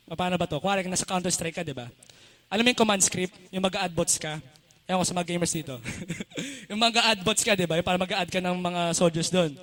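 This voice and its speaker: A man's voice: sits high, sharp tone. A young man with a Filipino accent giving a casual, chatty youth sermon at a church service, laughing often and switching between Tagalog and English. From Philippines. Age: young adult. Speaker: youth speaker.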